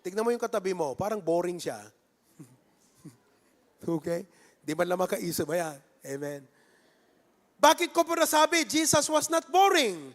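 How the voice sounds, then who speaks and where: A man with a Filipino accent, a pastor who preaches in a lively, conversational way and jokes with his congregation. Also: high voice, unhurried, pauses often. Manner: playful, jokes with the congregation and acts out little scenes. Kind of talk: sermon. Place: church sanctuary. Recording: echoey church hall.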